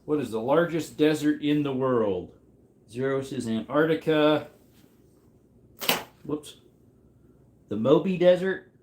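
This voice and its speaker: A man's voice: on the high side, slow, pauses often, a little mellow, roomy sound, a little hiss or hum. Mid-thirties man hosting trivia stream. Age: 30s. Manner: rambling, reacts to chat as he goes. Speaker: livestream host running trivia. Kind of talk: casual livestream chat.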